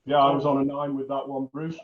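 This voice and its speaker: A man's voice: mid-range voice, monotone, fast talker, muffled recording. A man judging cheese, chatty and knowledgeable, with a joke now and then, in a casual tasting commentary. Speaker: cheese judge.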